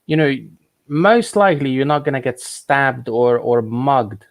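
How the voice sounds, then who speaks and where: A man's voice: mid-range voice, unhurried. A man born in Hungary and raised in England, hosting a casual live stream and chatting in a rambling way with lots of restarts and asides. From Hungary, raised in England from thirteen. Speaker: livestream host answering viewer questions.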